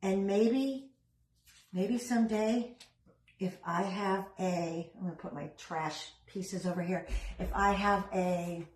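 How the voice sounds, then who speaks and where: A woman's voice: mid-range voice, a little mellow, reverberant, slight background noise, poor audio. A middle-aged woman chatting casually while she works on a craft, rambling with self-deprecating asides. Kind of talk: casual craft vlog chat.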